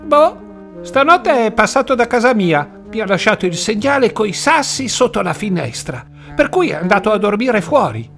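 A man's voice: high voice, big pitch swings, normal speed, creaky, a bit bright, soft background music, pitched above the performer's own voice, exaggerated voice. A man voicing a cheerful, teasing young boy in a read-aloud story. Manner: bouncy, playful, ribbing. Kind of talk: audiobook character voice.

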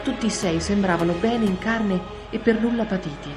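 A woman narrating an audiobook in a measured, steady storytelling voice. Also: medium pitch. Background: faint music.

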